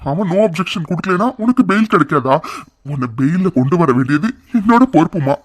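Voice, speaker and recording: A man's voice: on the high side, lively intonation, fairly quick. A man voicing a doting middle-aged father in a cartoon, soothing his daughter and pressing for help. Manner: soothing, then demanding. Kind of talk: cartoon voice acting.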